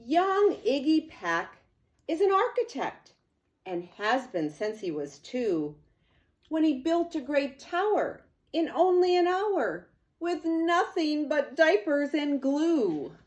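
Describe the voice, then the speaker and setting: An older woman, a grandmother, reading a children's storybook aloud in an expressive, deliberate way. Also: high-pitched.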